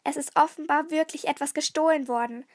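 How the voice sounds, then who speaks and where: A woman's voice: high-pitched, steady tone, brisk, dry recording, studio quality, lightly acted. A woman voicing a worried, hesitant lady of a villa in a storybook. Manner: hesitant, murmured.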